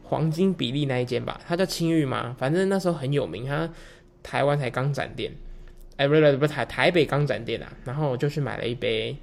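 A man's voice: mid-range voice, fairly quick, gravelly. A man in his twenties with a Taiwanese Mandarin accent, hosting a podcast and telling personal stories in a loose, candid way, swearing casually. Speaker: podcast host. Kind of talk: casual storytelling chat.

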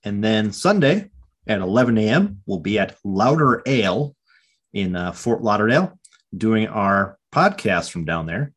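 A man's voice: fairly low pitch, very animated, measured pace, slightly rough. An American man hosting a casual sports fan podcast, chatting informally. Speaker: podcast host.

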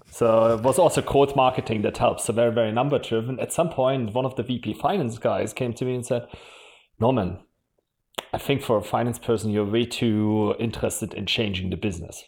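Slightly fast and a little mellow, this man's mid-range voice keeps a steady tone. He's a marketing executive with a German accent, a podcast guest who speaks frankly, laughs a lot, and shares stories from his career in a casual interview.

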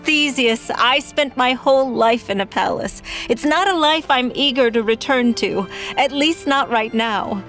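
Storybook princess, young and spirited; woman narrator voicing her higher than her own voice. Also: measured pace, few pauses, fairly bright tone, faint music behind. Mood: fond.

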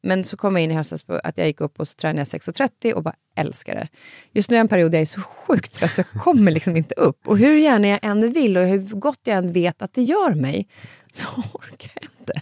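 A woman hosting a conversation, telling personal stories in a lively, chatty way. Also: medium pitch, no room sound, studio quality. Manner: lively storyteller, animated when quoting others. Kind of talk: casual conversation.

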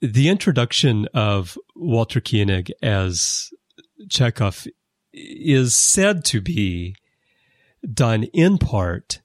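A man hosting a casual podcast conversation, explaining background at length with lively emphasis. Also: lowish voice, extremely slow, no room sound, clean studio sound. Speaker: podcast host. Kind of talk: casual conversation about a TV series. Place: lives in Japan.

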